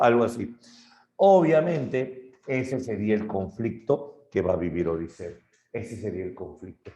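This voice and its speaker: A male literature teacher retelling a story dramatically, shifting his pace and loudness, in an echoey room. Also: sits low. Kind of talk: lively story retelling in a lesson.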